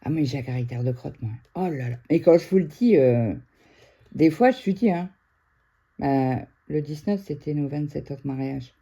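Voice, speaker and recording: Woman, middle-aged, from France, casual home vlog chat, excitable, very mellow tone. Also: low-pitched, breathy edge. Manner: chatty, excitable, quick to shout. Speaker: craft vlogger. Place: indoors at home.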